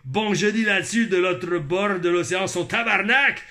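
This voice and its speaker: A cheeky, teasing Québécois guy, as a man puts him on, stretching his words in a mocking, playful drawl with a put-on Québécois accent. The voice sits a little high and sounds bright and forceful. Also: moderate pace, creaky, heavily acted.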